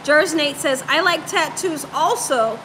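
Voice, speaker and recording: Unhurried and high-pitched, this woman, somewhere in her thirties or forties, hosts a cooking livestream indoors at home. She chats casually and playfully with her live viewers, repeating phrases for emphasis, while noise fills the background.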